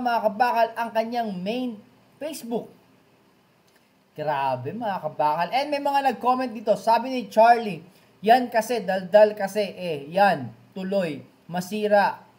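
A man's voice: high voice, darkish tone. Chatty man vlogging boxing gossip. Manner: chatty, peppers every phrase with a fan nickname, dramatic exclamations. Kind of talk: commentary vlog reading social media comments.

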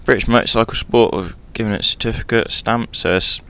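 A man's voice: on the low side, brisk, a bit bright, smooth. A hungover young man talking offhand and chattily, casually showing his kit as a motorcycle vlogger. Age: young adult. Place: small bedroom indoors.

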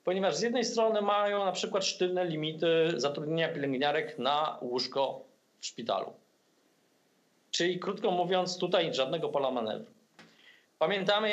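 Polish man, 50s, high-pitched, hesitant commentator on a webcam call. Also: muffled recording. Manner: hesitant, many fillers and restarts. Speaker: political commentator guest. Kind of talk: video-call political discussion. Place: room at home. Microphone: laptop webcam on video call.

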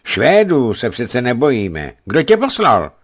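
A man's voice: mid-range voice, big pitch swings, fairly bright tone, voice pushed up. A man reading aloud, voicing a stout, stern older boyar governor who speaks in a commanding way.

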